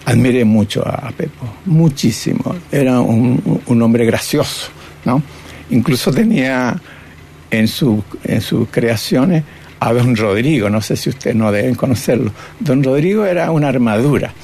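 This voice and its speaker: A man's voice: mid-range voice, lively intonation, a little slow, vocal fry, a little mellow, a little hiss or hum. An older man, a cartoonist and painter reflecting on his career in an interview, often tagging his phrases with "¿no?". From Chile. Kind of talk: reminiscing interview.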